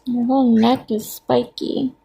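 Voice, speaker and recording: A woman's voice: on the high side, flat delivery, unhurried, vocal fry, dark tone, a little hiss or hum. A woman talking to her pet birds in a cooing, sing-song baby-talk voice, as their owner.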